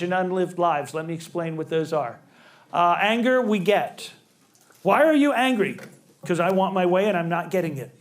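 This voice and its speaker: High-voiced man giving a family seminar. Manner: conversational, acts out quoted dialogue. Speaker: family relationships presenter. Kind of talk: seminar talk to a live group.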